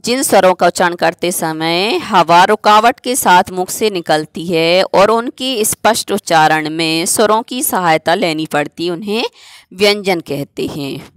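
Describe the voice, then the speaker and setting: A woman's voice: on the low side, unhurried, dry recording. A woman teacher giving a grammar lesson, explaining step by step and asking herself questions before answering them.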